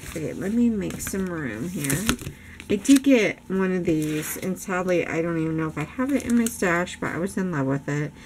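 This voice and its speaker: An older woman with a fairly low, lively voice talks at normal speed in a casual craft haul vlog, showing off her purchases. She's chatty and enthusiastic, laughs often, and is losing her voice. The camera sits above her craft table in a room at home, and the recording is noisy.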